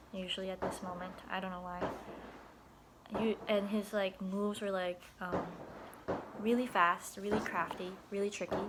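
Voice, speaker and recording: A woman's voice: medium pitch, noisy background. A young woman telling a casual video diary about her day at after-school care, chatty and giggly, with many restarts and laughs.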